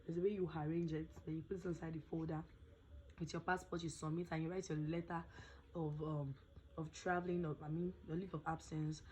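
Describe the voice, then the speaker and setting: In a casual storytelling vlog, a young adult Nigerian woman chats with pidgin phrases, her voice still not fully recovered. She speaks low and level, a little fast and slightly mellow. The low-quality recording has slight background noise.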